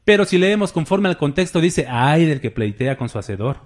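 A man's voice: on the high side, very animated, a little fast. A man preaching a sermon as a pastor. He talks in a conversational way and keeps checking in with the congregation with short tag questions. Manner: conversational preaching, tags points with "¿verdad?" and "¿sí?".

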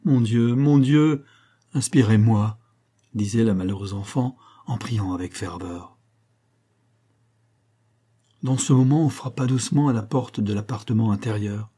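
A man narrating a literary audiobook in a measured, expressive reading. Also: lowish voice, breathy edge.

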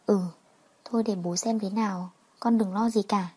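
A woman voicing a gentle, worried elderly father who speaks softly and reassuringly. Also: mid-range voice, steady tone, normal speed, slightly rough, close to an everyday voice. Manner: soft and reassuring.

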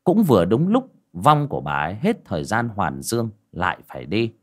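A male audiobook narrator. His intonation is lively and rises and falls as he tells a spooky folk tale. The narration is scripted and steady. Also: lowish voice, moderate pace. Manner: storytelling with expressive rises and falls.

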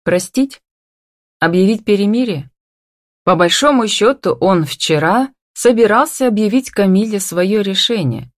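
A woman narrating a novel as an audiobook in an even, expressive storytelling voice. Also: medium pitch, a little slow, no echo, clean studio sound. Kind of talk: scripted narration.

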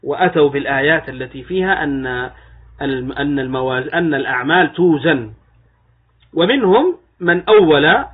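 A man sheikh teaching a religious creed lesson, explaining step by step, slowing down to recite texts and posing questions he then answers. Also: a little high, breathy edge. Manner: asks rhetorical questions and then answers them. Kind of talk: religious lecture in formal Arabic. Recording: narrow phone-like audio.

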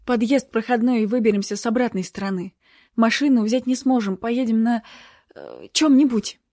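A woman's voice: on the high side, sing-song, normal speed, a little mellow, dry recording, studio quality. A woman reading the part of a tense, decisive young man urging escape in an audiobook. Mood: urgent. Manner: urgent, commanding.

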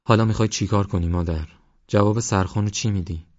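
A man's voice: on the low side, steady tone, no room sound, muffled recording, natural voice. A man doing a pious, worried old village mother. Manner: fretful, devout.

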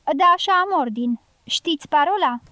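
A bored, teasing guerrilla sentry who jokes at the men he stops, read by a woman. The voice sits high and is recorded close and dry. It is an audiobook reading. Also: lively intonation, sharp tone, no echo. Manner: teasing, mocking. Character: joking, careless male guerrilla sentry.

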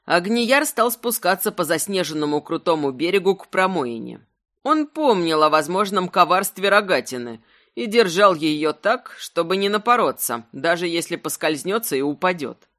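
An audiobook narrator reading a fantasy novel in a steady storytelling voice. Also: medium pitch, moderate pace.

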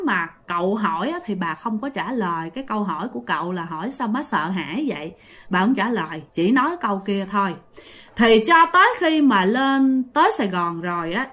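A woman with a slightly bright, higher voice and a Southern Vietnamese accent casually recounts a ghost story, frequently turning to speak straight to her audience.

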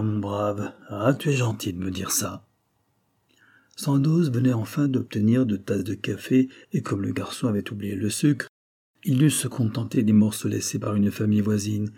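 A man narrating a classic novel as an audiobook, with measured, phrase-by-phrase delivery. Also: fairly low pitch, dark tone, slightly rough. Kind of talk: literary audiobook reading.

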